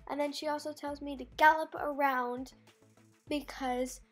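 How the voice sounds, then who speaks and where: Chatty high-voiced female vlogger. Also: little pitch movement, a little slow, faint music behind. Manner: chatty, rambling storytelling. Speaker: vlogger narrating her riding lesson. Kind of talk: casual voice-over narration.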